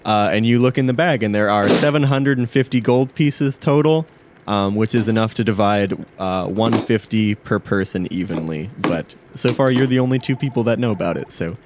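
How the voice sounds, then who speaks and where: A man's voice: on the low side, normal speed, noisy background. A man narrating a tabletop game as game master, hesitant, with many fillers and restarts.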